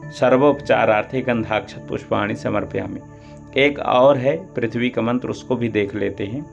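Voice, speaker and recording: A man teaching Sanskrit mantra recitation, chanting verses slowly and then briskly explaining how each syllable is pronounced. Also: mid-range voice, creaky, lo-fi sound.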